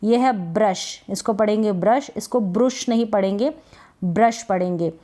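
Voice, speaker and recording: A woman with a Hindi accent teaching English pronunciation, repeating each word slowly and quizzing the listener with questions. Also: medium pitch, mellow. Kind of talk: slow phonics lesson.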